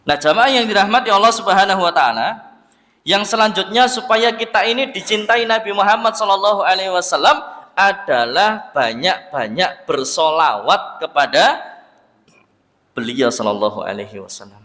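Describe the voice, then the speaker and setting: A man's voice: high voice, normal speed. A man with a Javanese accent preaching in a mosque, telling a story animatedly and acting out its voices. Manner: animated, acts out voices in the story, addresses listeners as "Pak". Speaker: Islamic preacher. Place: mosque hall. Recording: reverberant mosque hall.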